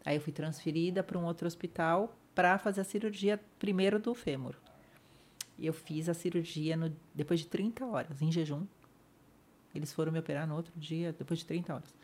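A middle-aged Brazilian woman with a somewhat low voice tells her story as a podcast guest. She acts out the voices of the people in it and lets her voice sink to a near whisper when it hurts. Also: steady tone, a little fast. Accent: Brazilian Portuguese. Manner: vivid retelling, acts out others' lines, drops to a hush at painful moments. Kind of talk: emotional personal storytelling.

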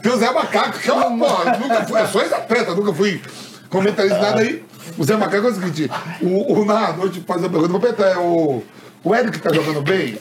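A man, a former athlete and radio commentator, telling laughing stories in casual podcast chat. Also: high-pitched. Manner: fast, laughing storyteller. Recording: roomy, off-mic with crowd noise.

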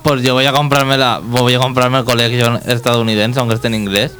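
A man hosting a gaming podcast, cutting in with teasing, quick remarks. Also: mid-range voice, flat delivery, fairly bright tone, soft background music. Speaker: podcast host. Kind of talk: casual chat.

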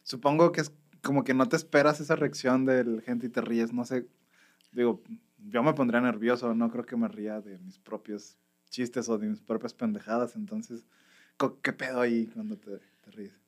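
A man with a Mexican accent hosting a casual podcast chat, relaxed and slangy. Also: mid-range voice, normal speed. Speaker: podcast host.

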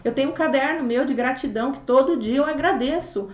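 A woman sharing her story as an interview guest, expressive, acting out dialogue and swinging between loud and hushed. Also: high-pitched, fairly quick, slight background noise. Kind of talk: animated personal testimony. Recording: roomy, distant, dull audio.

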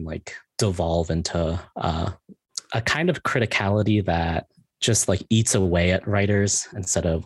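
A young man speaking as a podcast guest in a soft-spoken, halting, self-deprecating way with many fillers. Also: low voice, gravelly, breathy edge, dry recording. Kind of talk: casual group discussion.

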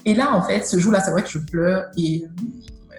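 A woman's voice: fairly low pitch, moderate pace, a little mellow, echoey room, soft background music. A woman giving a personal faith testimony, telling her story animatedly and acting out the dialogue. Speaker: guest sharing a testimony.

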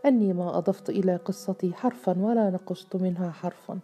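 A woman's voice: lowish voice, fast, dark tone, soft background music, lightly acted. A woman reading the part of a frightened young sister who pleads and sighs, in a storybook tale. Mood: fearful. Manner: sighing, pleading.

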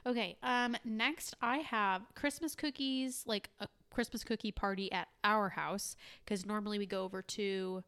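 A woman's voice: medium pitch, steady tone, normal speed, hardly any pauses, a bit bright, clear, resonant tone. A young woman co-hosting a podcast in casual chat, sounding nasal and congested from a cold, talking chattily with lots of fillers. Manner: chatty, filler-heavy, laughs often. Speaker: podcast co-host.

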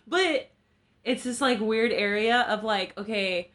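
A woman's voice: a little high, slow pace, a bit bright. A woman in her twenties hosting a podcast at home, chatting casually with a friend, joking and teasing with lots of fillers. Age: 20s. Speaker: podcast host. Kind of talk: casual chat.

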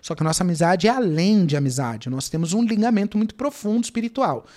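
A man with a high-pitched, animated voice speaks at a quick pace as a guest sharing his faith testimony. He's dramatic, reenacting his own shouting, prayers and cries.

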